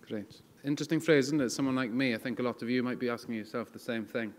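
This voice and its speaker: A man with a mid-pitched voice hosts a panel session. He is casual and encouraging, addressing the speakers and the audience informally. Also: steady tone, fast talker, in a large hall, slight background noise. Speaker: session host, moderator.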